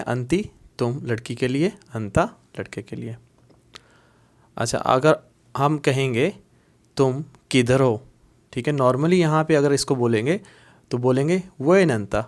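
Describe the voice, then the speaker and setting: A man teaching Arabic phrases in a video lesson, patiently repeating each word slowly for learners. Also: mid-range voice.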